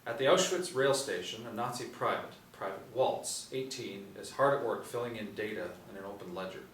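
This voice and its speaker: In a small indoor room, a middle-aged man narrates the stage directions at a screenplay table reading, speaking briskly in a lowish, slightly bright voice. A distant mic gives the recording a roomy feel with light room noise.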